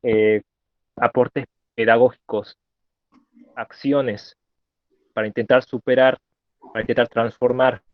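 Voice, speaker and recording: A male student speaking up in an online class over a choppy connection that cuts out, hesitant and halting with many fillers and restarts. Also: mid-range voice, flat delivery, dry recording. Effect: choppy online call connection, cutting out. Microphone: video call. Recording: tinny, dry call audio.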